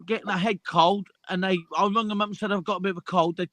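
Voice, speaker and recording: A man in his fifties with a high, bright voice, chatting casually with friends. He stumbles and repeats words as he goes. The sound is close and dry. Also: fairly even intonation, fast, no echo. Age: 50s. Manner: stammering, repeats himself. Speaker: group chat participant. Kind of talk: casual group chat.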